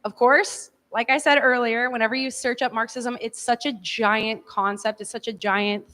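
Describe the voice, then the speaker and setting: A woman's voice: on the high side, steady tone, normal speed, bright, forceful tone. A woman giving an informal lecture to a class in a casual, hedging way, speaking in a large echoey room. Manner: casual, hedging, often says like. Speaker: teacher leading a class. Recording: echoey hall, long reverb.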